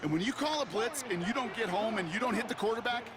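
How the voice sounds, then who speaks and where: A man's voice: high-pitched, expressive, fast. A man voicing a seasoned football analyst in a video game, explanatory and emphatic, with an American accent. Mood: analytical. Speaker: color commentator. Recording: noisy game audio.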